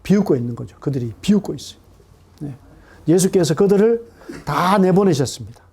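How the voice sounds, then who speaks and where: Man, middle-aged, pastor, sermon, high voice, mellow tone, lively questions to the pews. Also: a little fast, slightly rough. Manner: animated, asks the congregation questions. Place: church hall.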